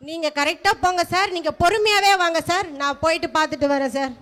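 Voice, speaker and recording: A woman playing a firm, brisk pregnant police officer, in an amateur role play. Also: very high-pitched, a bit bright.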